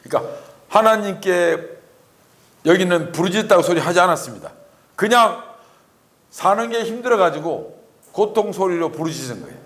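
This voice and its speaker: A man's voice: lively intonation, normal speed, long pauses, fairly bright tone. A man giving a conversational Sunday sermon in church, acting out the voices he quotes. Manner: conversational, acts out quoted voices with rising pitch. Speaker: lay preacher. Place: church sanctuary.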